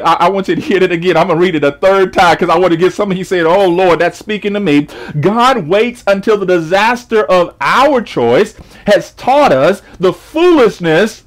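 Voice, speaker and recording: High-voiced man preaching with emphasis. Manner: emphatic preaching, drawn-out quoting of scripture, stammering restarts. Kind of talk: sermon.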